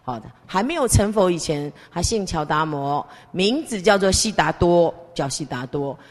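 A woman's voice: fairly low pitch, animated, moderate pace, in a large hall. A woman teaching a class by telling a Buddhist story. She keeps asking the listeners questions and draws her words out with little particles.

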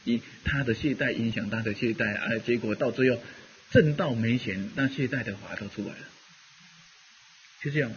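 A man's voice: mid-range voice, moderate pace, muffled recording, slight background noise. A man giving a rambling, conversational Buddhist dharma talk, full of fillers as he teaches.

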